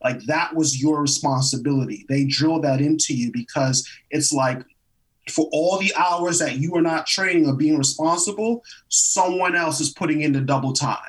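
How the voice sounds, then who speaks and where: A man's voice: a little high, normal speed, recorded from a distance, low-quality recording. A man, a guest actor telling stories in a casual interview and acting out quotes. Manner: animated storytelling, laughs often, acts out quotes.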